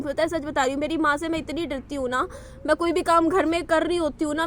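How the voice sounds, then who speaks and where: A young woman with a high, light voice pours out her troubles to the camera in a personal vlog. She sounds tearful and distressed but keeps confiding. It was recorded outdoors in a park, with faint outdoor ambience behind her. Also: a little hiss or hum. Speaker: vlogger.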